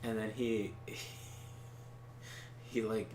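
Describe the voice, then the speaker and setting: This game stream co-host talks extremely slowly in a low, level, slightly mellow voice. He chats casually while playing, rambling through anecdotes packed with fillers and chuckles, and the room adds an echo along with faint background noise.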